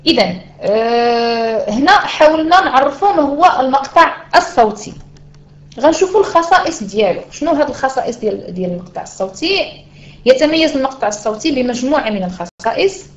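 A woman teacher with a Moroccan Arabic accent leads a reading lesson in an online voice room, explaining step by step and asking her listeners rhetorical questions. She switches between formal Arabic and dialect, and her high voice comes through with lo-fi sound.

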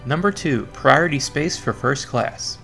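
A man's voice: on the high side, a little slow, vocal fry, sharp tone, soft background music. Wry, sarcastic male narrator. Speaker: history educator. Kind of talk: scripted narration.

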